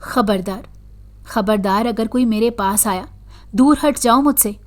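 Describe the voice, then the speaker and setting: A woman's voice: on the high side, unhurried, lightly acted. A woman voicing a menacing male jinn who possesses a girl, speaking in a heavy, threatening voice. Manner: threatening, shouting.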